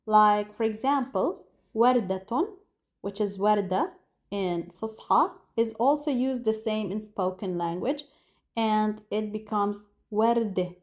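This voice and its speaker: A woman's voice: mid-range voice, a little mellow. A woman from Lebanon with a Lebanese accent, teaching a beginner language lesson, patiently explaining and repeating words for learners to copy. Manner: addresses viewers as "guys". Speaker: Arabic teacher.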